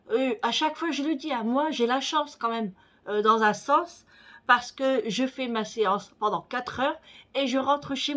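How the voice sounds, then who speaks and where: A woman in her forties talks casually to her viewers, rambling from one thought to the next with plenty of fillers. Her voice sits a little high, and her nose sounds slightly stuffy. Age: 40s. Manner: rambling, chatty storytelling with many fillers. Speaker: vlogger. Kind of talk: casual chat.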